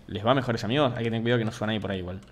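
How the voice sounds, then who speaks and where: A young Argentine man chats through a live game stream at his desk mic, reading viewer messages and bursting into loud excited shouts. Faint room noise and keyboard typing sit behind his voice. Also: fairly low pitch, rapid-fire. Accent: Argentine Spanish. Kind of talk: casual gaming stream commentary.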